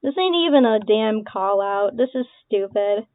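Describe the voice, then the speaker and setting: A woman's voice: mid-range voice, normal speed, dry recording. Dismissive young woman on a tinny line. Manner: dismissive, sarcastic, swearing, laughing between remarks. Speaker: online creator responding to accusations. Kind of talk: casual reaction commentary. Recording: tinny phone-like lo-fi sound, dry.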